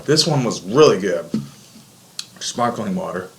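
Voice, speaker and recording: A man's voice: on the low side, lively intonation, unhurried, creaky, slight background noise. A man chatting casually to the camera as a vlogger.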